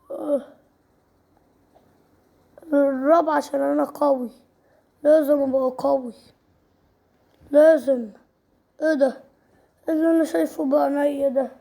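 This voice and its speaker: A woman with an Egyptian Arabic accent hosting a casual game video, voicing its characters in a lively way and repeating phrases over and over. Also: high voice, vocal fry. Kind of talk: casual game-movie role-play narration.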